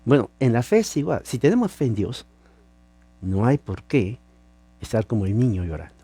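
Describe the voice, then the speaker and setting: Warm-voiced man preaching a sermon. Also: medium pitch, very animated, moderate pace, husky. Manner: emphatic teaching with rhetorical questions. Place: lives in California.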